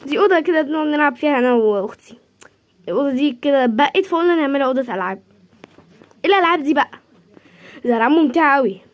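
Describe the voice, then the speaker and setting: A woman with an Egyptian accent acts out a whole homemade drama by herself, jumping quickly from one character's voice to the next. Her voice sits high and keeps a lively, playful pace throughout. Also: highs cut off. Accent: Egyptian Arabic. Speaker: creator playing every part in a homemade series. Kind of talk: homemade role-play drama.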